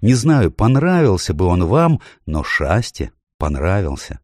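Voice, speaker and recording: Lively low-voiced man reading a storybook. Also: no room sound, clean studio sound. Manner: expressive, measured storytelling. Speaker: audiobook narrator. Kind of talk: scripted storybook narration.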